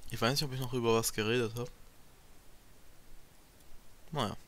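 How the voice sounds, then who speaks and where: A man's voice: medium pitch, normal speed, a little hiss or hum. A man giving casual, rambling commentary over a video game as a let's player. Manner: relaxed, rambling, many fillers.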